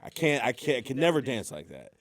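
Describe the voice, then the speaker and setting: A man's voice: medium pitch, very animated, quick pace, no echo. A man hosting a podcast, telling stories in a laid-back, rambling, casual way in a studio. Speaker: podcast host.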